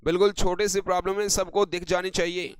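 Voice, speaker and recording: भारतीय लहजे वाला एक पुरुष अंग्रेज़ी शिक्षक लाइव ऑनलाइन क्लास में व्याकरण समझाता है और दर्शकों को "बेटे" और "भाई" कहकर पुकारता है।. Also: male voice, high voice, flat delivery, clear, resonant tone, no room sound. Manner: addresses viewers as beta and bhai, reads sentences slowly. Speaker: English grammar teacher. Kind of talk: live online lesson.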